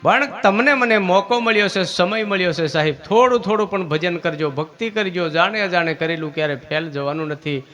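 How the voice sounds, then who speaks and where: A man's voice: sits high, normal speed, few pauses, sharp tone. Guy preaching at a village gathering, keeps asking the crowd questions, light music underneath. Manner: preachy, asks listeners questions. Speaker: religious teacher. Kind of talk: village sermon with devotional singing.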